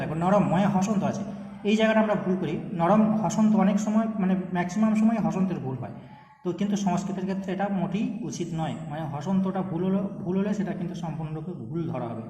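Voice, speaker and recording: A man's voice: on the high side, mellow. A man teaching a grammar lesson. He keeps checking in with his students and draws out and repeats words to show how they are said. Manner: checks in often with questions to students. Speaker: Sanskrit teacher. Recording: echoey room with long reverb.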